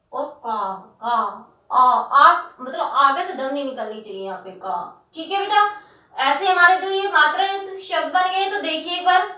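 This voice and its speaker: A woman's voice: high-pitched, pushed and bright. A woman teaching Hindi grammar to students in a patient classroom manner, stretching out syllables and often checking that they follow. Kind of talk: classroom lesson explaining spelling. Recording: echoey room, voice from a distance.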